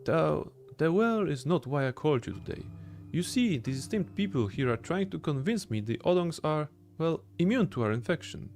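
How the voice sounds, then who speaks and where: A man's voice: fairly high pitch, lively intonation, moderate pace, few pauses, darkish tone, soft background music. A man reading the lines of a proud young male heir of a rich family, in a lofty, formal manner. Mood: firm. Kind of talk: reading game dialogue aloud.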